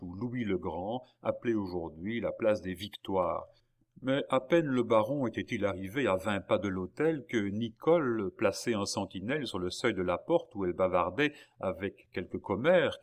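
A man narrating a classic novel in a measured way, with dramatic pauses. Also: on the low side. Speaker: audiobook narrator.

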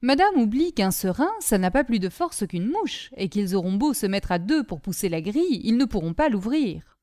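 A woman's voice: mid-range voice, very animated, moderate pace, mellow, dry recording, clean studio sound, natural voice. A woman voicing Gribouille, a simple-minded, earnest young male servant who talks in a naive, rambling way.

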